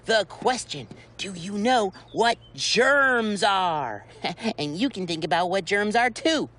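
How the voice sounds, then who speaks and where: A woman's voice: mid-range voice, animated, takes it slowly, slight background noise. A woman voicing a curious, upbeat little boy in a preschool cartoon, chirpy and inquisitive like a young reporter. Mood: confident, upbeat. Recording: loud music behind the voice.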